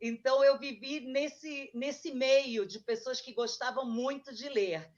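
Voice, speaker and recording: A woman's voice: sits high, a little slow, highs cut off. A woman from Argentina, a guest author, chatting casually and reminiscing about her childhood. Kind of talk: casual interview chat.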